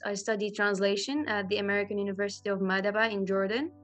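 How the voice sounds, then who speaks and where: Young woman, halting and earnest. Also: mid-range voice, steady tone. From Syria. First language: Arabic. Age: 20s. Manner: halting, earnest, frequent pauses and restarts. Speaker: translation student sharing her story. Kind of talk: personal testimony to camera.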